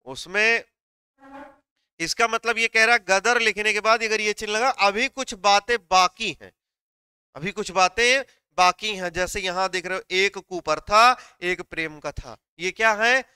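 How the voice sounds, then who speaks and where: Male teacher, high and bright voice, very clear and dry close sound, questioning and dictating to students. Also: a little slow, no echo. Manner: explains step by step, asks students questions; dictates notes word by word. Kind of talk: live online class.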